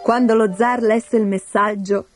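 A woman narrating a fairy tale in a steady, measured scripted reading. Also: fairly high pitch, loud music behind the voice. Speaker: storyteller.

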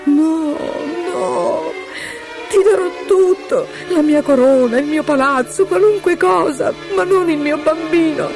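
A woman voicing a frightened young maiden in a fairy tale, pleading in a drawn-out way, with music playing behind. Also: fairly high pitch, lively intonation, dark tone, voice pushed up.

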